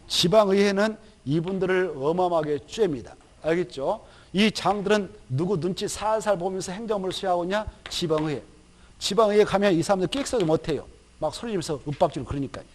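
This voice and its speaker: A male lecturer with a fairly high voice teaches a recorded exam-prep course. He talks in a lively, chatty way, throws questions at his students and answers them himself, and slips into quick acted-out asides. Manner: acts out officials in quick quoted asides.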